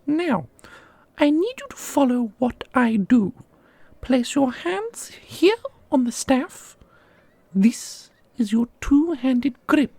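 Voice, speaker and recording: In an ASMR roleplay, a woman plays a millennia-old custodian and combat mentor who dotes on her pupil while being witheringly sarcastic. Her voice is husky and creaky yet high, animated and exaggerated, with a dark tone, slow delivery and no echo. She sounds doting and instructive, with a theatrical, teasing style.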